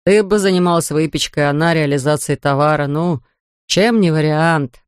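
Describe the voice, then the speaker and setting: A reader voicing a tired, gentle middle-aged fisherman who speaks slowly and evenly, read close to a dry studio mic. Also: medium pitch, clean tone, dry recording, lightly acted. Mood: calm.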